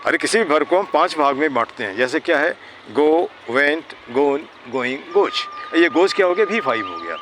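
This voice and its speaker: A man's voice: fairly high pitch, sing-song, moderate pace, fairly bright tone, a little hiss or hum. A man teaching English grammar to children in Hindi, patiently checking that they understand. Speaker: English tutor. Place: outdoors near traffic.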